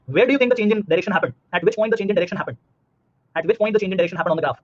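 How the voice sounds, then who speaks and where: A man's voice: high-pitched, racing. A man in his thirties with an Indian accent teaching a live online physics class, repeating himself and checking understanding with questions, slightly muffled.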